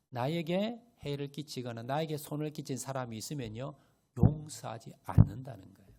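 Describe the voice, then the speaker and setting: This male pastor has a fairly high, creaky voice as he delivers a Sunday sermon in the church sanctuary. His emphasis rises and falls animatedly, and he often asks the congregation questions only to answer them himself.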